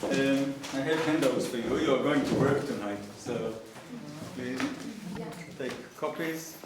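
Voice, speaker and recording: Older Israeli-accented lecturer, dry wit, distant mic, hissy background. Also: male voice, medium pitch, lively intonation, unhurried. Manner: dry humor, conversational, addresses the audience directly. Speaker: professor giving a lecture. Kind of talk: public lecture. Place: lecture hall. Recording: distant mic, echoey hall, background noise.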